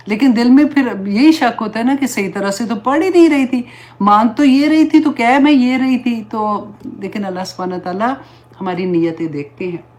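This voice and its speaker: A woman's voice: on the high side, darkish tone. A woman Islamic teacher giving an earnest, pleading religious talk, slipping English words into her speech.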